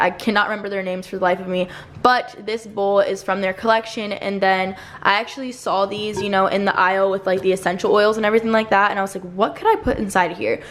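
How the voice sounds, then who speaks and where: Chatty young woman with a slight lisp. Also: mid-range voice. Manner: chatty, upbeat, filler-heavy with "like" and "you know". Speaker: vlogger. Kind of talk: casual apartment tour.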